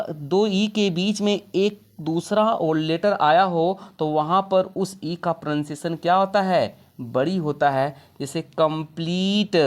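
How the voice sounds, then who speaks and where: A woman teaching an English lesson in a classroom style, asking questions and answering them herself, and drawing out example words slowly. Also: on the low side. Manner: slow, drawn-out words when spelling out examples.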